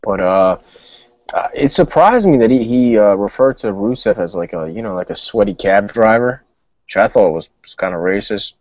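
Lively low-voiced man, co-hosting a podcast. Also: normal speed, dry recording. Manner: animated, indignant opinions. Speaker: podcast co-host. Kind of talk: casual chat. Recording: dull, dry lo-fi sound.

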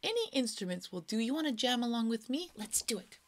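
A woman's voice: on the high side, big pitch swings, fast. A woman in her thirties teaching a children's music class, speaking playfully and exaggerating for little kids, often dropping into stage whispers.

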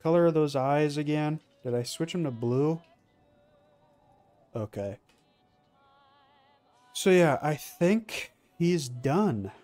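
A man's voice: fairly high pitch, expressive, takes it slowly, pauses often, a little mellow, soft background music. Rambling man narrating his gameplay. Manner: rambling, filler-heavy, self-correcting. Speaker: let's play gamer. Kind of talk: casual game commentary.

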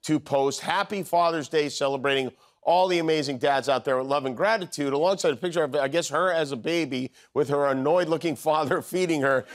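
A man's voice: on the high side, a little fast, hardly any pauses. A male late-night comedy host delivering a monologue with wry, punchline-driven jokes. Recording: noisy broadcast clip.

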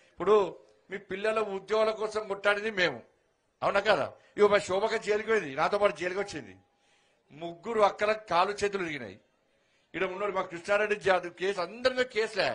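A man with a Telangana Telugu accent, speaking outdoors in the sun at a village rally, who teases the crowd and leads shouted slogans. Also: high voice. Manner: teasing banter with the crowd, rising to shouted slogans. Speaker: politician addressing a rally. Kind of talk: outdoor political rally speech.

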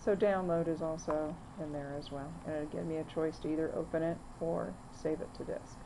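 A woman narrating a screen-recorded software demo, walking through the steps plainly with frequent fillers. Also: sits low, steady tone, brisk, noisy background. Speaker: software demonstrator.

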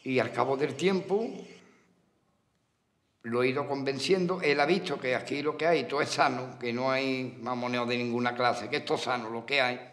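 A man's voice: mid-range voice, steady tone, moderate pace, a bit bright, big-room sound. A man, a boxing trainer, speaking in an interview with an earnest, repetitive, folksy manner. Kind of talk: documentary interview.

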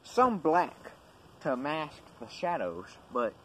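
Out in the woodland, a young male host talks informally to a camera a few metres off, showing how to do something in a relaxed, folksy way. He's fairly high-pitched and very animated but unhurried. The camera mic gives a rough sound with outdoor ambience.

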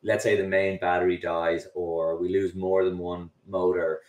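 Low-pitched and darkish, this voice stays level and measured as a middle-aged Irish drone delivery founder describes his work. He's a guest in a video call interview and frequently restarts and repeats words, heard through a webcam and computer mic with roomy, slightly distant sound.

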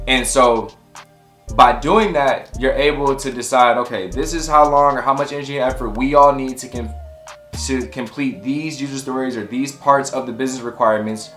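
Casting note: thirties male coach, casual explainer, echoey room, faint music underneath. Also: mid-range voice. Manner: relaxed, conversational, gestures while explaining. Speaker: tech career coach. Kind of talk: explainer to camera. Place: home office with window, indoors. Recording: roomy echo with faint music.

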